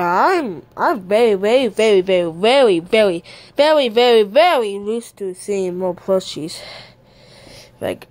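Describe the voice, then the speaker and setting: A woman's voice: mid-range voice, darkish tone. A woman voicing every toy in an improvised plush toy skit, hesitant and repeating herself, with playful beeping sound effects. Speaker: plush video maker voicing all toys.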